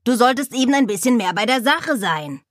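A woman voicing a cranky know-it-all male raven who scolds in a shrill, squawking way. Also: expressive, fairly quick, no room sound, studio quality, natural voice. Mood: scolding.

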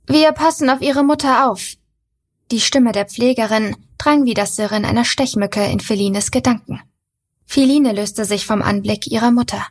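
A woman reading a novel aloud as an audiobook narrator, in a measured, even storytelling manner. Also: medium pitch, husky. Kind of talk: scripted literary narration.

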